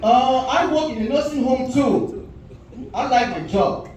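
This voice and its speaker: On a comedy club stage, a forties-aged Cameroonian comic with an extremely high pitch and a Cameroonian accent works through his set at a measured pace. He spins stories and animates the quoted characters, and the club audio is distant and echoey.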